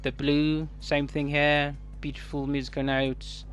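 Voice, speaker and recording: A man with a Kenyan East African accent giving casual unboxing commentary as a tech reviewer, haltingly thinking aloud. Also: a little high, completely flat delivery, fairly bright tone. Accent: Kenyan English. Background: music.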